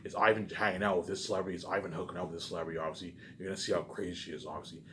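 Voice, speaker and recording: Against a clearly noisy background, a vlogger rambles repetitively and casually to his audience, swearing often, with forceful bursts that fade into muttered tags. His deep voice is steady, bright and forceful, delivered rapid-fire.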